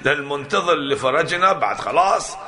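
A man's voice: on the high side, expressive, fast talker, bright, forceful tone. A man giving a religious lecture, emphatic, often asking and then answering his own rhetorical questions. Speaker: preacher.

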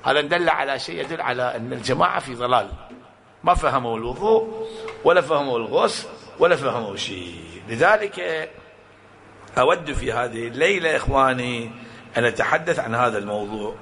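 A man's voice: medium pitch, brisk, vocal fry. A man preaching a sermon to a congregation, telling stories, acting out quotes and firing rhetorical questions. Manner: animated storytelling with acted-out quotes and rhetorical questions.

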